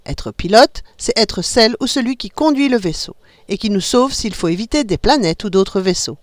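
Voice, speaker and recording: A woman voicing a cheerful young mother who leads her children in a pretend game, in a bright, sing-song manner. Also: mid-range voice, lively intonation, normal speed, no room sound, lightly acted. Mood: playful. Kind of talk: storybook reading.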